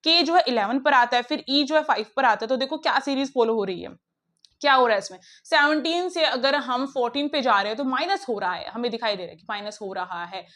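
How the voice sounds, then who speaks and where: A woman with a high, light voice teaches an online lesson, pressing her students along in a brisk, coaxing way. She speaks, close to the mic. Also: expressive, a bit bright. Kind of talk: classroom lesson explaining puzzles.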